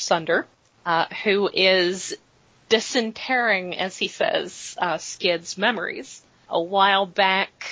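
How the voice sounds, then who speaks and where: A woman hosting a podcast chats casually, rambling through a recap with plenty of fillers. Her voice is on the low side, pushed and bright, with no echo, though the podcast audio sounds dull and lo-fi.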